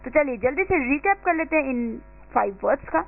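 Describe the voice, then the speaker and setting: High-voiced Indian woman teaching vocabulary. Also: expressive, gravelly. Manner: explains in Hindi, reads English words and examples slowly, spells letter by letter. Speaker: radio host teaching English vocabulary. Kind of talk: radio vocabulary lesson. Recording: phone-like lo-fi radio audio with faint music.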